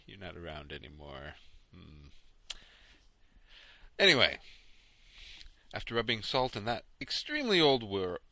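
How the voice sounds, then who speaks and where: Tired, bright-toned male podcast host. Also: sits low, unhurried, gravelly, long pauses, no echo. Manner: relaxed, rambling, tired late-night delivery with yawns. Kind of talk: casual solo podcast chat about games.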